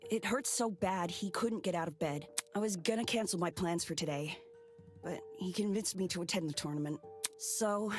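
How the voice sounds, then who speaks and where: A woman's voice: medium pitch, natural voice. A woman voicing a guarded, blunt young female student with a curt, defensive way of talking. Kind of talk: game voice acting.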